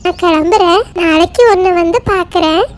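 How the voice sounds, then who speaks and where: A woman's voice: very high voice, normal speed. A woman voicing a young kingfisher chick, a kind little boy who talks in a chatty, reassuring way. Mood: cheerful. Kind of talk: cartoon voice acting.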